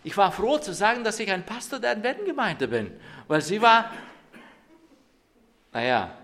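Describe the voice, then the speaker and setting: A man's voice: high voice, sing-song, moderate pace, a bit bright. A man in preaching a sermon as a pastor, telling stories with hesitant fillers and restarts.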